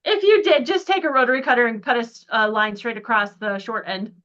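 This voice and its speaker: A woman's voice: fairly high pitch, a little fast, fairly bright tone. A woman hosting a live quilting stream, giving casual sewing instructions with frequent laughter, heard over a video call. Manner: upbeat, giggly, guiding. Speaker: host. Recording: muffled video-call audio.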